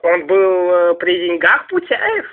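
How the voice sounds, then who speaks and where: High-voiced male prank caller, tinny line. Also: sing-song, slow. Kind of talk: casual, needling phone chat. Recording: noisy, tinny phone line.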